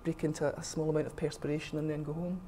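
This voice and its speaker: Low-pitched and level, she talks fast over a noisy background: a middle-aged west of Scotland woman, interviewed informally as a rugby official, speaking frankly and with strong opinions.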